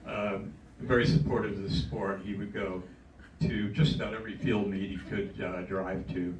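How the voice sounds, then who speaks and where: An older man telling anecdotes at a club gathering, chuckling as he goes and stopping often on fillers. He is picked up from a distance in an echoey hall. Steady noise runs underneath. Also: low-pitched. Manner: chuckling storyteller, halting with fillers. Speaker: club speaker. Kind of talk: anecdotal after-dinner talk.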